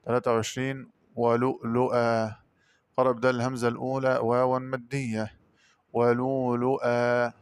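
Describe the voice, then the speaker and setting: A man giving a Quran recitation lesson, explaining variant readings quickly and then chanting the words slowly and drawn out. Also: medium pitch, level tone, smooth, no room sound. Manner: brisk spoken explanations alternating with slow, drawn-out chanted words.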